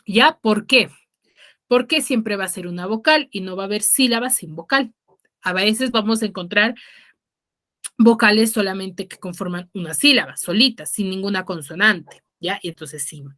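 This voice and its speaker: Bright-voiced woman teaching online. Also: medium pitch, normal speed. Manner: checks understanding with frequent "ya?" and questions students; patient, explanatory, stresses key words.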